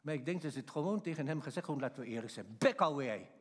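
Man preaching, folksy and emphatic, high voice, long hall echo. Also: animated, very fast, slightly rough. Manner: emphatic, folksy, acts out shouted quotes. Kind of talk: sermon.

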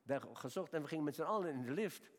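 A man in his seventies preaching a sermon, telling personal stories and moving between quiet, slow passages and raised, emphatic appeals. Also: on the high side, expressive. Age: 70s. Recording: long hall reverb.

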